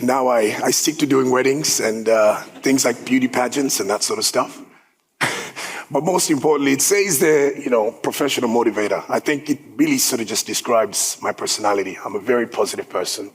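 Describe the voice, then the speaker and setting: Upbeat man in his thirties, from South Sudan, husky tone at middle pitch, speaking casually to an event crowd. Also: normal speed, low-quality recording. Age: 30s. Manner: upbeat, conversational, with filler words. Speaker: guest speaker. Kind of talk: personal story talk. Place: event hall.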